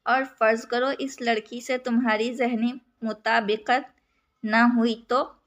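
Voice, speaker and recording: A calm, principled young man, read by a woman storyteller who speaks earnestly and persuasively. He talks slowly, in a slightly high voice. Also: muffled recording.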